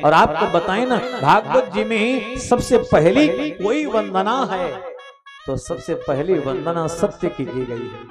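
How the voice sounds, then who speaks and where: A man gives an emotional, repetitive devotional sermon at a live religious gathering, rising to emphatic peaks. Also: a little high. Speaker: preacher. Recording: loud music under live sermon.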